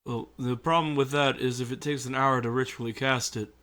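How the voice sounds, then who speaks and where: A man at a tabletop game who talks the rules through aloud. His voice is smooth and resonant, at an everyday middle pitch, and he stumbles and restarts as he builds his argument. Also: fairly even intonation, fairly quick, pushed and bright. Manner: reasoning things out, repeats words. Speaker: player. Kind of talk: casual game table chat.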